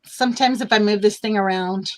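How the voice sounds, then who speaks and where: A woman hosts a casual live chat over a video call, chatty and upbeat and quick to laugh. Her voice is mid-range, brisk and a little mellow, and the internet stream is choppy.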